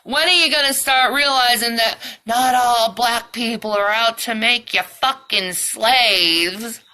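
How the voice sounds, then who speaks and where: A woman's voice: a little high, takes it slowly, sharp tone. A woman vlogger in a heated, profane ranting monologue, repeating herself as she goes.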